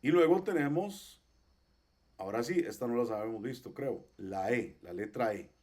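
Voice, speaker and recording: A man teaching a class, patiently explaining pronunciation and repeating each example slowly. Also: mid-range voice, expressive, darkish tone. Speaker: Hebrew teacher. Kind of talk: online class.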